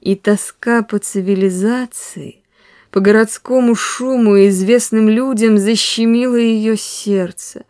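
A woman reading a classic story in scripted narration, soft and measured, often sinking to a hush. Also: fairly high pitch, steady tone, dry recording, studio quality. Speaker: reader.

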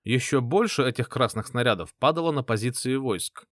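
A man narrating a first-person fantasy audiobook in an expressive reading style. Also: mid-range voice, fairly quick, dry recording, studio quality.

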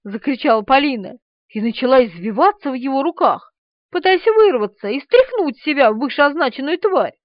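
A woman reads a novel aloud with an expressive, animated delivery. Her voice sits high and swings widely. The recording is dry and slightly muffled. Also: normal speed, dry recording. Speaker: audiobook narrator. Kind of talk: expressive audiobook narration.

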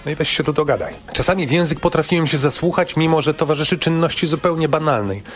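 A man telling a scripted radio travel report in a lively, playful storytelling way. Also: a little high, quick pace.

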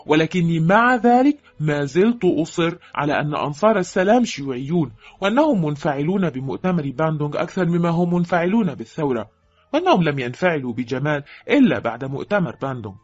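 Woman acting blunt firm young officer, husky voice, faint music behind. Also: low-pitched, animated, fast talker, a little mellow, dull audio.

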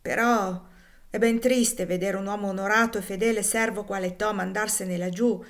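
A woman's voice: medium pitch, fairly even intonation, moderate pace, close to an everyday voice. A woman voicing a sympathetic male blacksmith, earnest and questioning.

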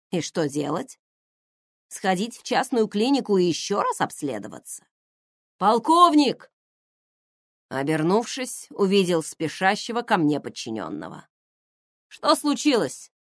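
Woman reading a novel out loud, slow, lots of pitch movement. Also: no echo, studio quality. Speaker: audiobook narrator. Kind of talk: first-person novel reading.

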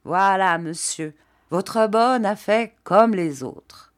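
A woman's voice: medium pitch, takes it slowly, dry recording, clean studio sound, lightly acted. A woman reading an audiobook, voicing a male village priest who delivers a moralizing little sermon. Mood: resigned moralizing. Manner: preachy, moralizing.

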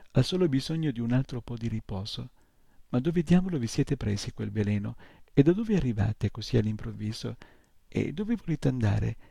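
A man voicing a gruff, sharp-tongued old female gnome healer who scolds and cuts people off, with a gravelly, husky voice. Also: mid-range voice, dry recording, clean studio sound. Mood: brusque. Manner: brusque and scolding.

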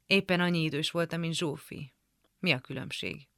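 Woman, radio reader, memoir reading, slightly gravelly voice, dry studio sound. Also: sits low, a bit bright, no echo.

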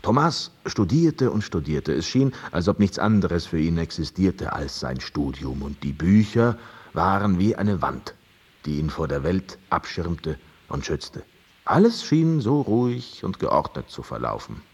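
In a German radio drama, an actor plays a talkative, curious, teasing male host who spins an old tale in a theatrical, ironic manner through dialogue and storytelling. His deep, husky voice is exaggerated and sing-song, and he takes his time. The recording sounds muffled.

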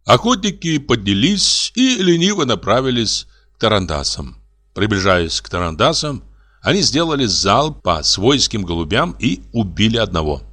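A man narrating a comic story as an audiobook, expressive and lively. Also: fairly low pitch, normal speed.

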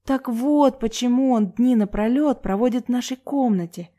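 Woman doing young girl student, inner thoughts, raised pitch, sour musing, storybook. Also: moderate pace, mellow, lightly acted. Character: young female student, wary newcomer.

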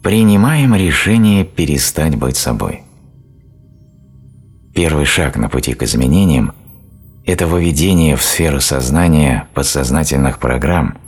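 A man narrating a self-help audiobook in a steady, explanatory reading style. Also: a bass voice, husky. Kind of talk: scripted narration.

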